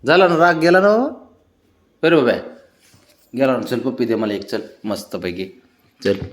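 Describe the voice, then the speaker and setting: A man coaxing his pet cat in soothing baby talk, often dropping to soft murmurs. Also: medium pitch, very animated, moderate pace. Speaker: cat owner vlogger.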